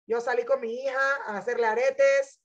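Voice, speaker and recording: A woman's voice: a little high, fairly even intonation, normal speed, dull audio. A woman religious teacher telling her personal testimony in an inspirational talk, earnest and emphatic, speaking straight to her listeners.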